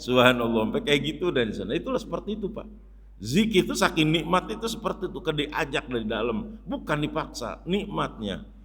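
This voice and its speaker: A man giving a mosque sermon in a lively, joking way, often turning to his listeners and acting out shouts. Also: on the high side, a little fast, husky. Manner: lively, jokey, addresses listeners as "Pak", acts out shouts. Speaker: Islamic preacher. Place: mosque hall. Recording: long reverb of a hall.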